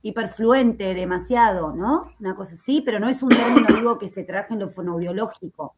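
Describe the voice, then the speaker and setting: A woman's voice: medium pitch, fairly quick, over a noisy crowd. A woman student speaking up in an online class, thinking aloud tentatively over a video call. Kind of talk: class discussion.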